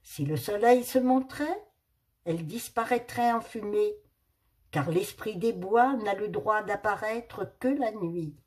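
A woman reading a children's storybook aloud, expressive and unhurried. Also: mid-range voice.

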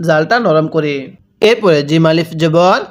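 High-voiced man teaching slow recitation. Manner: slow, drawn-out syllables with repeated prompts to read along. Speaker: Quran reading teacher. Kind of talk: spelled-out recitation lesson.

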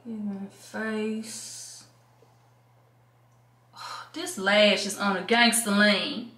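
A woman's voice: medium pitch, measured pace, sharp tone, distant mic. A young woman vlogger chatting casually in a sassy, playful, slangy way as she gets ready for a night out. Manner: sassy, playful, slangy, peppering talk with "honey". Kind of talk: casual vlog chat while getting ready to go out. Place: small bathroom, indoors. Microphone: camera a step away or handheld. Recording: echoey bathroom, faint background noise.

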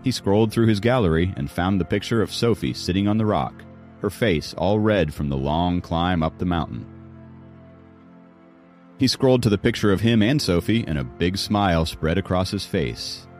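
Male audiobook narrator, very low voice, animated melodic reading. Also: normal speed, soft background music. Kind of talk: scripted narration.

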